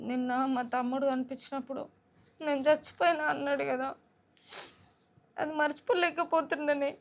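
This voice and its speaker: A woman's voice: high voice, steady tone, moderate pace. An actress with a Telangana accent playing a young pregnant wife, crying and pleading over her family's rejection. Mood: tearful. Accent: Telangana Telugu. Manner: tearful, pleading. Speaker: actor. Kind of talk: village short film acting.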